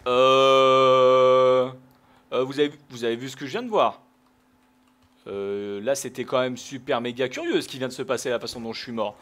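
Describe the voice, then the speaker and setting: A man giving live, jokey gameplay commentary, shouting out his kills. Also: medium pitch, fairly even intonation, normal speed. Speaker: gaming video host.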